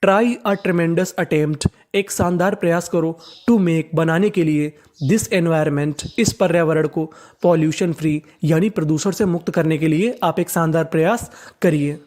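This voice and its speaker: An English teacher giving a step-by-step reading lesson, spelling words out letter by letter, then pronouncing each one slowly and repeating it, with rhetorical questions to the learner. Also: medium pitch, darkish tone.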